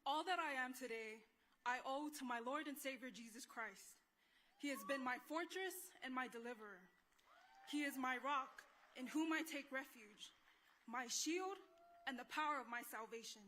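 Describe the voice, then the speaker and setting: High, bright woman's fervent graduation speech. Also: normal speed, slight background noise. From American Samoa. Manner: fervent, declamatory. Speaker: graduating student speaker. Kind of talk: commencement speech.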